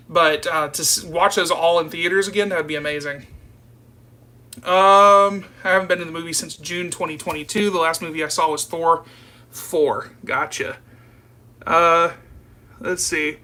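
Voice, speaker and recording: Answering viewer comments during a live stream, a southern US man in his early 30s keeps things casual and rambling, addressing everyone as "you guys." His voice leans high and sounds pushed and bright.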